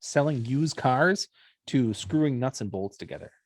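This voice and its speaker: A young man from Wisconsin chats casually on a podcast, full of joking banter and teasing. His voice sits at an ordinary pitch. The sound is dry and close, with no room echo. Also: expressive, moderate pace. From Wisconsin, USA. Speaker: podcast co-host. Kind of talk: casual chat.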